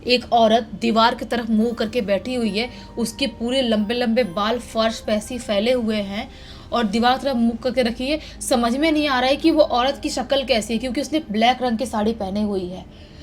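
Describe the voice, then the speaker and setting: A woman's voice: a little high, steady tone, normal speed. A woman narrating a horror story in a dramatic, suspense-building way.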